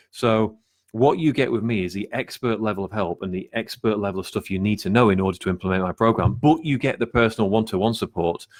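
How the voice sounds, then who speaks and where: A middle-aged man giving sales advice straight to camera, talking candidly and bluntly and swearing now and then. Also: fairly low pitch. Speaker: sales and marketing coach. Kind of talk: direct-to-camera business advice video.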